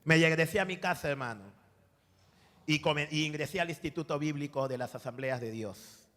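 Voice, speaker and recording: Brief: Peruvian man, 40s, preaching testimony, bright higher voice, long church-hall reverb. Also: normal speed. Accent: Peruvian Spanish. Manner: animated storytelling, acting out dialogue, calls listeners brother. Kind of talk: sermon testimony.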